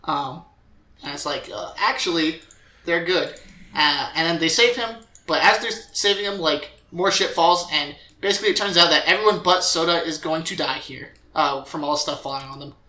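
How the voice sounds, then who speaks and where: Young male podcast host, bright tense tone, rambling recap, echoey room. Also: a little high, a little fast. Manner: rambling recap with filler words and acted quotes.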